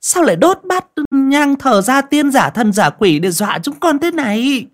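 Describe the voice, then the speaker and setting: A man voicing a scheming, sharp-tongued daughter-in-law in a storybook, mocking and whining. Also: high voice, expressive, takes it slowly, pitched above the performer's own voice, full character voice.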